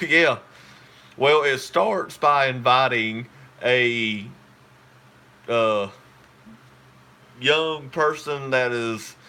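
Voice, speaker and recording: A man's voice: mid-range voice, pushed and bright, clean tone. A man, hosting a casual live stream and chatting with viewers in a rambling, talkative way.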